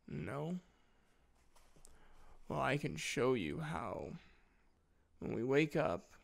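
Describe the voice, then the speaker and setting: A man playing a sleepy, tender boyfriend in an intimate role-play audio, drowsily and gently reassuring his partner at night. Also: medium pitch, vocal fry. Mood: sleepy, reflective.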